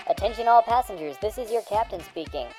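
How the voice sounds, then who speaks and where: A woman's voice: medium pitch, animated, quick pace, music in the background, natural voice. A woman doing a spaceship captain's cabin announcement. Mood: formal. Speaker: outro announcer. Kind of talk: scripted outro read as a captain's cabin announcement.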